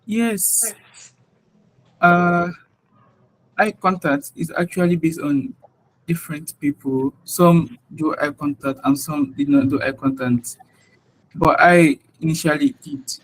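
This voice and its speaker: A man's voice: on the high side, slow, long pauses, a bit bright, rough recording. A young man with a Nigerian accent, answering interview questions casually and sometimes searching for words.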